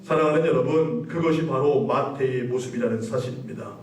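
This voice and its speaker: This sermon comes from a man with a medium-pitched, darkish voice who talks a little fast. He asks the congregation questions and works up to emphatic moments, recorded from afar in a reverberant church sanctuary.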